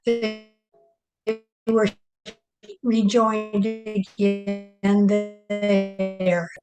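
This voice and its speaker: A woman taking part in an online group chat, earnest and halting as she speaks. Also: medium pitch, flat delivery, over loud music, poor audio. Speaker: participant. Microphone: video call.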